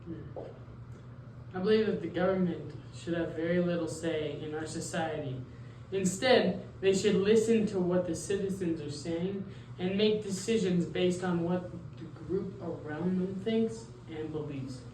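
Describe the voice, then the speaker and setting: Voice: mid-range voice, a little slow, a little mellow, natural voice. A teenage student playing an idealistic male philosopher in a school role-play interview, speaking hesitantly and correcting themselves. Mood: earnest. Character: male philosopher Jean-Jacques Rousseau, idealistic. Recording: roomy, distant mic, faint noise.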